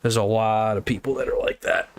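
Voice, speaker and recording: A man's voice: on the low side, steady tone, a little fast. A man rambling in casual chat with friends on a livestream, swearing often and breaking into hard laughter as he retells an argument. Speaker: livestream host chatting with friends.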